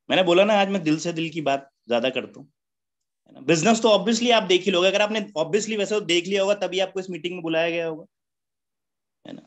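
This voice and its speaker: Brief: a male motivational speaker with a fairly high voice, addressing a business meeting in a chatty, joking way and leaning on rhetorical questions. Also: a bit bright. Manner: rhetorical questions with a constant "है ना?" tag; chatty, joking, laughs at his own points. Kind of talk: motivational seminar talk.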